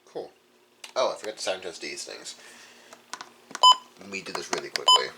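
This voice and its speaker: A young man's low-pitched voice swings widely in pitch as he talks at a moderate pace about his radio collection. It's an informal, rambling show-and-tell recorded indoors, with some background noise.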